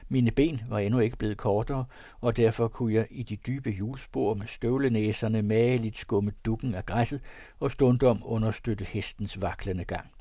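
A man's voice: on the low side, mellow, no echo, clean studio sound. Theatrical male audiobook reader. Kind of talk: expressive reading of an old first-person tale.

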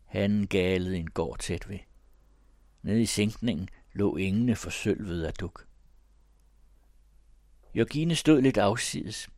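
A man reading a classic story aloud in a measured, even tone. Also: fairly low pitch, no room sound, clean studio sound. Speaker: audiobook reader. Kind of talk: storybook narration.

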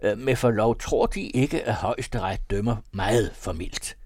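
A man's voice: fairly low pitch, darkish tone, slightly rough, no room sound, clean studio sound. A man voicing a small, round, fawning male executioner in a classic novel reading, wordy and mock-dignified.

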